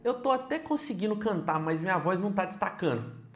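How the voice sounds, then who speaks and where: A man with a Brazilian Portuguese accent teaching keyboard online, lively and speaking straight to the viewer with frequent questions. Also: sits high, a little fast, roomy sound.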